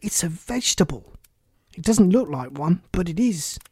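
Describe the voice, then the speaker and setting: Performer as polite storybook girl, soft-edged tone. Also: mid-range voice, expressive, moderate pace, breathy edge, dry recording. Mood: earnest, polite. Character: polite, cautious young girl Alice, quietly opinionated.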